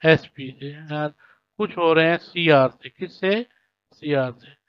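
A male teacher from Pakistan explains a school lesson to young children. He reads each point, translates it, repeats key words slowly and checks that the children follow. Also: a little high, smooth, no echo. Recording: dull lo-fi recording.

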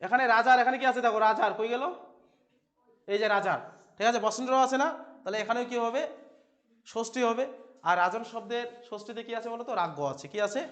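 Man, Bengali accent, very high pitch, classroom teacher, repeats key words. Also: fast, pauses often, fairly bright tone. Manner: asks questions and answers them himself, repeats key words. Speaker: Sanskrit teacher. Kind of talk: classroom lesson explaining translation.

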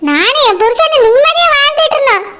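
A voice actor doing a jealous middle-aged village wife in a cartoon, scolding in a piercing, very high voice with a Tirunelveli Tamil accent. The recording carries a steady background hiss. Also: fast talker. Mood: bitter. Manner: shrill, scolding and bitter.

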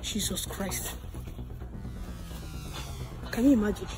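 A woman scolding loudly and indignantly in a comedy skit. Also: mid-range voice, big pitch swings, takes it slowly, music in the background. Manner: indignant, loud scolding with sharp swings. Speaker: comic actor.

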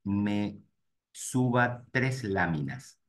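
A low-voiced man leads a live webinar for real estate agents. He speaks straight to his audience and narrates each click out loud as he works through the screens. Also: expressive, extremely slow. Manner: talks to "gente" directly while clicking through screens, thinking aloud. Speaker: real estate marketing instructor.

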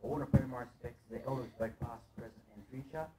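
A man with a mid-pitched voice delivers a formal speech of respect. His pace is brisk, and there is clear outdoor noise around him. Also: steady tone. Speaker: zoo education supervisor. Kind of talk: formal acknowledgement of country speech. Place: outdoor zoo amphitheatre.

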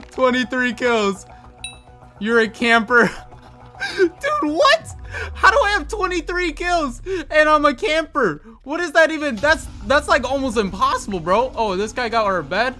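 Brief: young male gamer, bright forceful tone, cocky trash-talk, faint music underneath. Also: extremely high pitch. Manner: excitable trash-talk, frequent laughing, says bro constantly. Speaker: gaming video creator. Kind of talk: live gameplay commentary.

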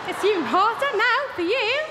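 Female, twenties, Swansea Welsh accent, cheeky flirt, very high lively voice on an audition stage. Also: normal speed, heavy background noise. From Swansea, Wales. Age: 20s. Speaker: singing contestant. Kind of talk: talk on stage at a televised audition. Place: large arena stage. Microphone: handheld microphone.

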